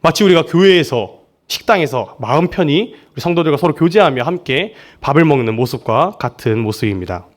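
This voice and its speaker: A man's voice: fairly high pitch, lively intonation, a little fast. A young man from Seoul, a junior pastor preaching a church sermon in a friendly, joking way. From Seoul, South Korea. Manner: friendly and joking, often laughing with the congregation. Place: church service.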